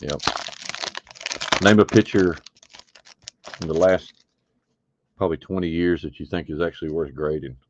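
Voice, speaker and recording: A man's voice: low-pitched, moderate pace, pauses often, lo-fi sound, background noise. A man hosting a live card break, chatting casually and thinking aloud as he opens packs. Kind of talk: casual live stream chat.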